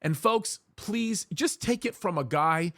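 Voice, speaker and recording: This man's high, fairly bright voice moves with lively intonation, though his pace is slow. A pastor preaching emphatically to his viewers on camera, he pleads and repeats phrases for emphasis, speaking English as his first language and Arabic as his second. The recording is clean studio audio without echo.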